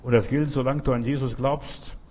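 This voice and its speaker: A man's voice: mid-range voice, fairly even intonation, normal speed, a little mellow. A man preaching a sermon, talking straight to his listener in short, emphatic, repeated phrases. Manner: earnest, direct address to listener.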